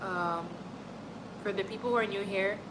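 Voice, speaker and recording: Speaking at a moderate pace in a mid-range voice, this livestream host rambles warmly to her chat, peppering her talk with "like" and "honestly." She's a young woman from Montreal, Canada, and there's noise in the background.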